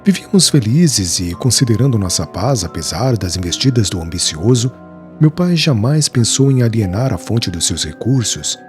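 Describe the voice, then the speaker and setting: Soft music sits under this audiobook dialogue, where a man plays an earnest weaver. His low, lively voice stays solemn and measured as he gravely tells of suffering in the past.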